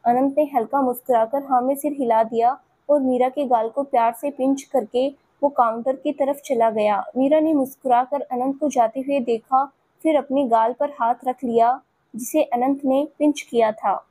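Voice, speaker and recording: A woman storyteller giving scripted audio-story narration in a steady, even manner. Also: high voice, moderate pace.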